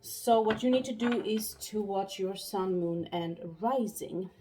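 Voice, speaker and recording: A young pregnant woman, out of breath, giving a tarot reading in a halting casual monologue full of fillers and restarts. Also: mid-range voice, dark tone. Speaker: tarot reader.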